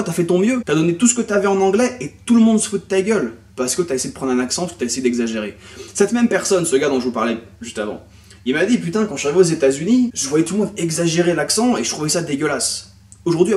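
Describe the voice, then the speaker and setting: A young man from France talking casually to camera, animated and full of crude slang, as an au pair sharing language tips. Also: fairly high pitch. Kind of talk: casual vlog monologue. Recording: voice slightly distant from mic.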